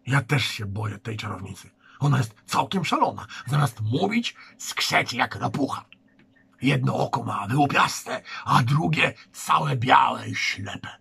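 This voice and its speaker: Man reading as a scared pale youth, hushed and fearful, gravelly voice. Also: mid-range voice, big pitch swings, measured pace, exaggerated voice. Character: frightened pale youth, telling of a witch.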